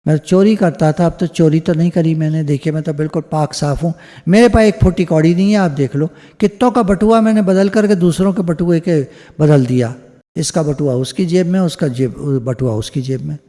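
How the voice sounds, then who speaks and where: A sly male pickpocket protests his innocence in a mellow, fairly high voice, as a man puts him on while telling a story. The voice carries a long hall echo. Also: normal speed, close to an everyday voice. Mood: protesting. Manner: protesting, self-justifying.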